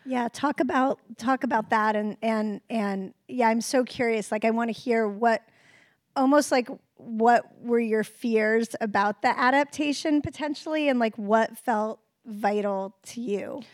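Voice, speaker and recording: A woman's voice: on the high side, unhurried, no room sound, studio quality. A woman in her forties who adapted a book into a series, talking reflectively in a conversational interview. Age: 40s.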